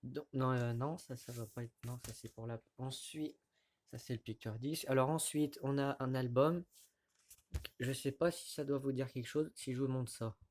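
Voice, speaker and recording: A man's voice: medium pitch, fairly even intonation, darkish tone. Hesitant man showing his records. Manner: hesitant, halting with frequent fillers and restarts. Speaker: record collector vlogger. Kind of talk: casual show-and-tell of vinyl records. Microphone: camera mic at close range.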